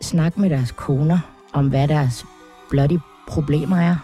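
A woman's voice: deep voice, mellow, breathy edge, soft background music. A woman talking as a podcast guest in casual chat, hesitant and full of fillers, laughing often.

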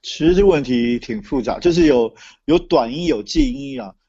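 Male commentator, Taiwanese Mandarin accent, creaky and husky, explaining conversationally on a lo-fi call. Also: on the high side, wildly swooping pitch, normal speed, warm tone, dry recording. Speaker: interview guest, political commentator. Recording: dull lo-fi remote call audio.

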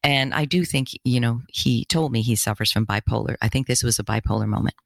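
A middle-aged woman, a career coach, chatting as a guest in an interview and telling stories in lively, quick bursts. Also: very deep voice, creaky, no room sound, studio quality. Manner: animated storytelling, quick bursts. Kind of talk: casual interview chat.

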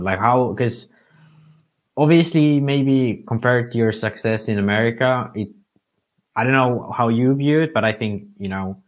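A man from Finland with a Finnish accent, co-hosting a podcast and asking long, halting questions as he searches for words. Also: mid-range voice, dull audio. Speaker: podcast co-host. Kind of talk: casual interview chat.

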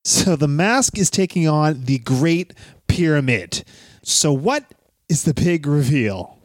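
Male podcast host, fairly high voice, dry sound, casual animated storytelling with stressed key words. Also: takes it slowly, dry recording. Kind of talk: casual film review chat.

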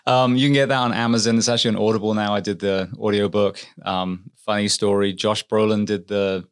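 Earnest English man, low voice. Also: fairly even intonation, fairly quick, smooth. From England. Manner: earnest, reflective, advice-giving. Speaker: podcast guest, firefighter and author. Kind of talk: conversational interview.

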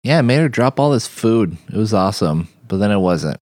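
A woman playing a tabletop game, talking in a deadpan, drawn-out way. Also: rumbling low, dry recording, clean studio sound. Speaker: player. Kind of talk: casual tabletop game play.

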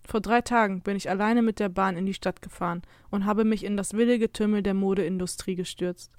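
A woman's voice: medium pitch, fairly even intonation, fairly quick, darkish tone, no echo. Woman reading a story, dry close sound. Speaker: narrator. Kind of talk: scripted first-person story reading.

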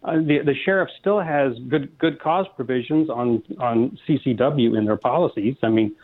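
A man being interviewed, answering in a halting, defensive way over a thin phone connection. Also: mid-range voice. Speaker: political candidate being interviewed. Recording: thin phone-line sound.

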